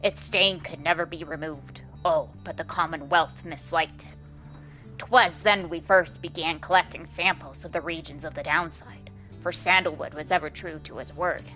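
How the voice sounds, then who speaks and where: Woman voicing a slow, solemn old serpent crone. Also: deep voice, steady tone, bright, forceful tone, faint music behind, poor audio. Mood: brooding. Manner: slow, deliberate, archaic formal speech.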